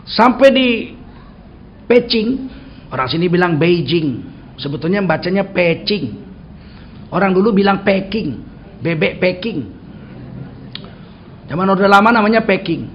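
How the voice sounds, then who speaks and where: A man's voice: sits high, moderate pace, pauses often, dull audio, slight background noise. A man preaching a sermon in a mosque, telling stories and acting out dialogue. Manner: storytelling, acting out dialogue with lively shifts.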